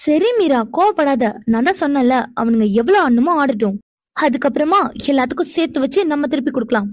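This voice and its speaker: A woman voicing a calm young woman in a cartoon who soothes her angry friend, coaxing in tone. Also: sits high, quick pace, no room sound, clean studio sound. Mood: soothing. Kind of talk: cartoon voice acting.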